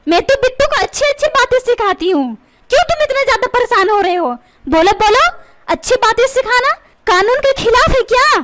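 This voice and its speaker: A woman voicing a sharp-tongued, feisty mother in a cartoon who bickers with her husband. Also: extremely high pitch, lively intonation, a little fast, slight background noise. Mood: defensive. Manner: bickering, taunting. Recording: loud background music.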